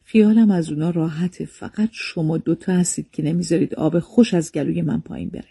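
A man reading the lines of a worried, tender old mother in a storybook, in a husky, dark voice. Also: on the high side, fairly even intonation, no room sound, studio quality. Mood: fretful.

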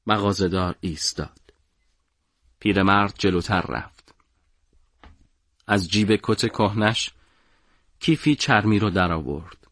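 A man narrating a story for an audiobook in a measured, dramatic way. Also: lowish voice, fairly bright tone, no room sound, clean studio sound.

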